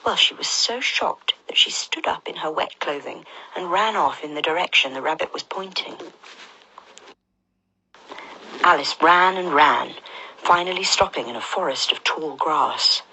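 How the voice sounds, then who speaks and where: A woman reads a children's storybook in a soft, half-whispered and gentle voice. Her voice sits low but sounds bright and very breathy. It fits a calm story read aloud. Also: moderate pace, poor audio.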